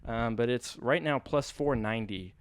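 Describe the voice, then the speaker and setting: A man's voice: medium pitch, normal speed, smooth, no room sound. A man on a sports podcast explaining his bets in casual chat, matter-of-fact and ribbing. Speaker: podcast co-host.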